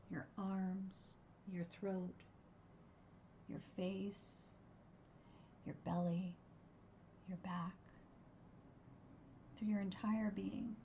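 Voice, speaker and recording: A woman leads a guided meditation in a soft, hushed voice that nears a whisper. Her tone is mellow and relaxed, with a medium pitch and unhurried, soothing phrasing. Faint noise sits behind her. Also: gravelly. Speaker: host, wellbeing coach and meditation guide.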